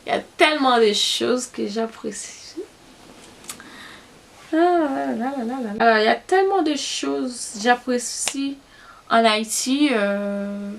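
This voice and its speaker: Young woman vlogger, from haiti, slow unhurried delivery, fairly high voice, hesitant, proud. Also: creaky, a little hiss or hum. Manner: hesitant, many fillers and restarts; proud and emphatic. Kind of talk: casual chat to camera.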